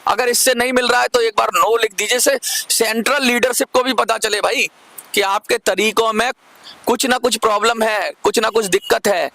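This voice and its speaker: Male commentator, gravelly voice, dry close sound, argumentative monologue to his audience. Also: extremely high pitch, fairly even intonation, moderate pace, pushed and bright, dry recording. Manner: argumentative, rhetorical questions, repeats points. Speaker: commentator on pension issues. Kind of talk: monologue addressing viewers.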